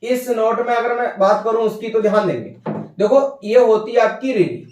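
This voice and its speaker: A man's voice: sits high, lively intonation, normal speed, darkish tone, roomy sound, distant mic. A man teaching a Hindi grammar lesson, repeating points and often checking that his listeners follow. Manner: repetitive, checks understanding with "ठीक है" and "भैया".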